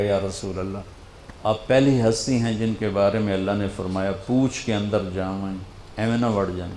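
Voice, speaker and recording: An older man preaching an emotional sermon, telling a story with dramatic swings and dropping to a hush for quoted lines. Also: fairly low pitch, echoey room, slight background noise. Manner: dramatic, quotes figures in a hushed voice.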